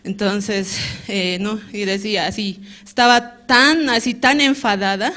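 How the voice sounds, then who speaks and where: Giving her church testimony, a woman with a Bolivian Spanish accent tells her story in a frank, earnest way, tacking a questioning "¿no?" onto nearly each phrase. Her medium-pitched voice is steady, a bit bright, and measured in pace.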